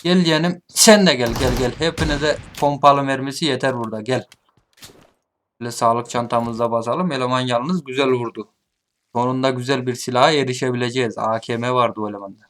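A man giving gameplay commentary, taunting his opponents, muttering at some moments and shouting at others. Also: medium pitch, fairly even intonation, fairly quick. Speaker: gaming streamer. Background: game gunfire.

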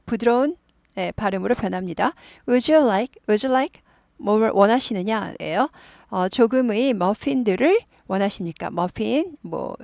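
A woman teaching English, reading the dialogue lines slowly and explaining them in Korean. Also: on the high side, gravelly, darkish tone, no room sound, studio quality.

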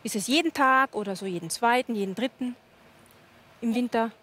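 A woman's voice: fairly high pitch, fairly quick, fairly bright tone. A woman in her thirties hosting a TV talk show, asking friendly, curious questions in a studio. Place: TV studio with audience.

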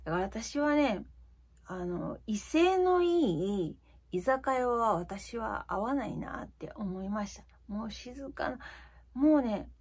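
A woman's voice: on the high side, vocal fry, slightly rough. A woman in her fifties telling a story to her channel, chatty and confiding, with many fillers. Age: 50s. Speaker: vlogger. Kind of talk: casual storytelling monologue.

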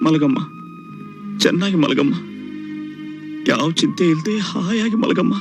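A man's voice: fairly high pitch, lively intonation, a little slow, music in the background. An actor playing a grieving young son who reproaches his mother and then pleads with her, over a film score. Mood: reproachful. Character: grieving young adult son, bitter yet tender. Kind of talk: film drama acting. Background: film score over the dialogue.

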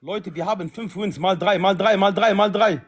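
A man in his thirties hosts a livestream from his living room, holding a phone at arm's length. His voice sits high and moves at normal speed as he banters, slangy and repetitive, calling out to viewers.

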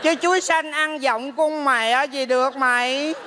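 A man voicing a scolding middle-aged mother in a stage comedy sketch, nagging her son slowly. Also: very high voice, steady tone, sharp tone, a little hiss or hum. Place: theater stage.

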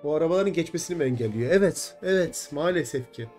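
A man's voice: on the high side, lively intonation, fast, darkish tone, soft background music. A young man live-streaming a simulator game, chatting with viewers and swearing in frustration at its bugs. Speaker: gaming streamer.

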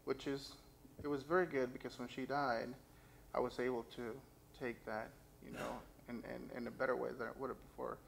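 A young man with a mid-range, fairly flat voice and some vocal fry speaks a little fast from a church pulpit, giving earnest personal testimony and reading scripture aloud. He's on the sanctuary stage, picked up by a stand mic at the pulpit and a distant camera, and the poor audio carries a faint hiss or hum.

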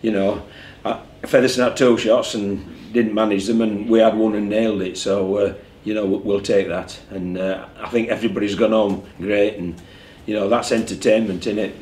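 A man in his sixties talks through a match at a press conference, in a fairly low voice. He speaks candidly and repeats words as he gathers his thoughts. The small room is echoey, with a faint hum behind him. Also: fairly even intonation, moderate pace, hardly any pauses, darkish tone. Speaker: rugby league head coach. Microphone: desk mic in front of him.

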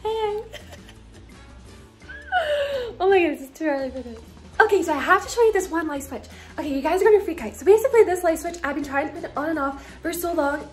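Holding her phone at arm's length, a young woman vlogger gives a house tour from a bedroom, her high, bright voice giggly and bubbly. She chats casually, saying "like" and "you guys" a lot, with faint music underneath.

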